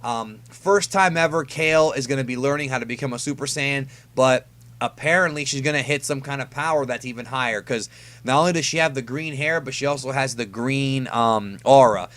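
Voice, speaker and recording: This YouTube host's casual take on an anime episode preview comes in a mid-range, fairly bright voice at a fairly quick pace. He talks like a fan in conversation and emphasizes key words.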